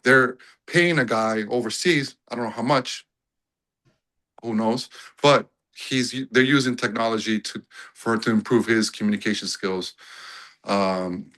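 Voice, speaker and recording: A man's voice: fairly low pitch, measured pace, a bit bright, poor audio. A man, calling in to a chat over a video call and telling a story in an easygoing way. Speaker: audience member calling in.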